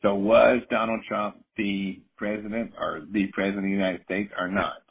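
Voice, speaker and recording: A man in casual interpretive political chat, opinionated and somewhat halting as he explains. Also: fairly low pitch, little pitch movement, gravelly, breathy edge. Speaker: commentator in a book discussion. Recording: thin, narrow-band call-like audio.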